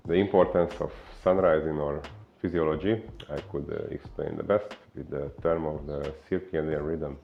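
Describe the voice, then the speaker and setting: A man from Hungary with a Hungarian accent, a fitness coach giving an unhurried explainer talk full of filler pauses. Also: extremely low pitch, fairly even intonation, vocal fry, muffled recording.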